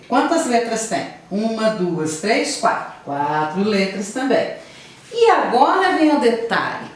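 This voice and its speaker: A woman teacher giving a lesson, explaining patiently and often checking in with her pupils. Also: fairly high pitch. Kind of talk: online class lesson. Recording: very echoey room, voice from a distance.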